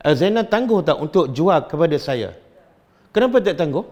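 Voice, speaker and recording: Animated Malaysian Malay man teaching. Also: fairly high pitch, normal speed, dull audio. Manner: animated, asks the audience questions, teasing. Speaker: religious teacher. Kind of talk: Quran study lecture.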